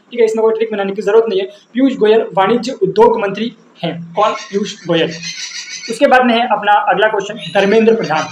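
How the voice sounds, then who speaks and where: Male teacher, repetitive self-questioning drill style, faint background hum. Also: high-pitched. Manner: asks and answers his own questions, repeating. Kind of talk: exam-prep lesson with memory tricks. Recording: roomy echo, faint background noise.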